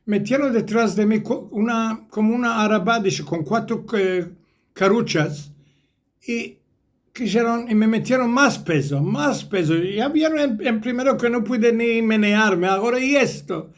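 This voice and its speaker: Brief: man voicing a worn-down storybook horse, Ladino accent, higher voice, mournful and repetitive. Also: unhurried. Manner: mournful, repeating itself. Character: weary overworked old horse, male.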